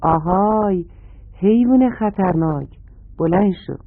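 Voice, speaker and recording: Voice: mid-range voice, dry recording, natural voice. A storyteller voicing an angry little squirrel child who insistently demands his lost star, in a children's radio story. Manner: insistent, scolding shouts. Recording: tinny phone-like radio sound, dry.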